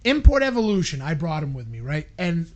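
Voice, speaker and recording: A man telling a story on a podcast, acting out quotes and shouting at the big moments. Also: a little high, fairly quick, lo-fi sound. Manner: animated storyteller, acts out quotes, shouts at peaks. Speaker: podcast co-host. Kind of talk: casual storytelling chat.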